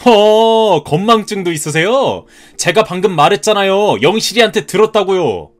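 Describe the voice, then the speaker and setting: In a cartoon story, a man in his thirties voices a young groom-to-be who is polite but stubborn and talks back. His high, animated voice carries a defiant mood, moving at normal speed with soft music in the background.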